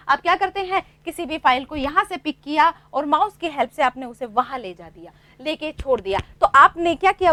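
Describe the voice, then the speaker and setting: A woman's voice: high voice, a bit bright, dry recording. A woman teacher explaining lessons patiently, asking rhetorical questions and repeating key points. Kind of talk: classroom lesson explaining computer basics.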